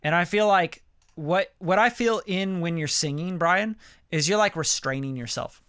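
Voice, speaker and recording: A man in his late thirties giving a casual live song critique as a music producer, animated and profane, full of "like" and "you know.". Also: sits high, moderate pace, clear, resonant tone, no room sound, clean studio sound. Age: late 30s. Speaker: music producer reviewing listener songs.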